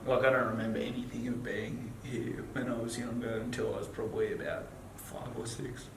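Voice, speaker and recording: A man's voice: mid-range voice, little pitch movement, a little fast. A young man in his twenties, a guest in a casual interview, rambling with lots of fillers and swearing. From Australia. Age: 20s. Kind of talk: casual chat. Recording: echoey, distant, noisy ambience.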